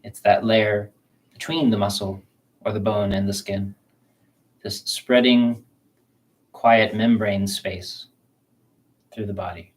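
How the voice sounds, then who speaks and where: A man with a fairly low voice leads a qigong self-massage session. He speaks slowly and gently, calmly guiding the listener's attention through the practice. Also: poor audio. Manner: slow, calm, gentle guiding talk. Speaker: qigong teacher. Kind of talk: guided self-massage instruction.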